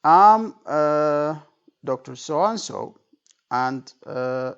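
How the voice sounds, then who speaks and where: In this casual lecture, a male exam tutor role-plays sample phrases and drills points over and over, checking understanding with frequent "okay" and "right." He has a creaky, fairly high voice with lively intonation and speaks very slowly. The audio is dull and lo-fi.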